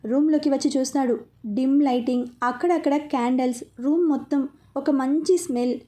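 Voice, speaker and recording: Woman narrator, high and mellow, calm storybook reading. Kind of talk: scripted narration of a romance story.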